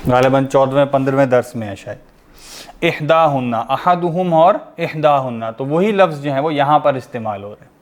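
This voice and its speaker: A man's voice: mid-range voice, expressive, fairly quick. A man teaching a grammar lesson over an online class. He explains step by step, asking the class questions and then answering them himself.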